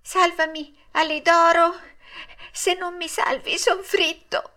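A woman voicing a frightened, excitable wooden puppet boy in a storybook reading, shrill and breathless. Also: takes it slowly, exaggerated voice.

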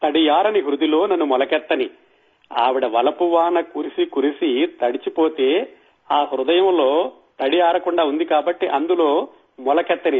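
A man hosting an audio talk show, slowly reciting film song lyrics and then explaining them. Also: a little high, slightly rough. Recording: tinny phone-like audio.

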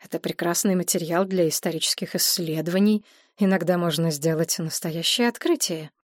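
A woman voicing a shaken, hoarse male historian who talks slowly and apologetically in an audiobook. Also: lowish voice, dry recording, clean studio sound, lightly acted. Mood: flustered. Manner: slow, apologetic, babbling.

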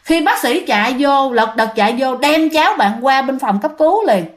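A woman narrates a ghost story in a relaxed, chatty way. Her voice sits high, and she keeps turning to address her listeners directly. The telling feels casual rather than scripted. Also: normal speed.

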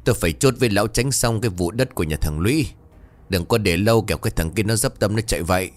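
A man's voice: fairly low pitch, quick pace, close to an everyday voice. A man voicing a harsh, greedy older village landlord who speaks curtly and scornfully. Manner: curt, scornful, table-slamming.

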